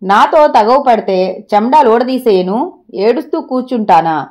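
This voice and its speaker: A woman narrator puts on a scheming wife in an audio story, her voice pitched fairly high. She snaps back with tart, insistent retorts. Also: moderate pace, a little mellow, lightly acted. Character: sharp-tongued scheming wife.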